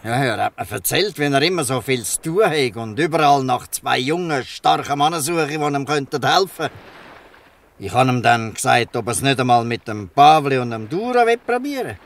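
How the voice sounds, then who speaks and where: In a Swiss German dialect radio play, an actor portrays a fatherly, shrewd, bluff fisherman, sounding kindly and persuasive. His mid-range voice has lively intonation and a moderate pace, lightly acted, and he's a little distant from the mic.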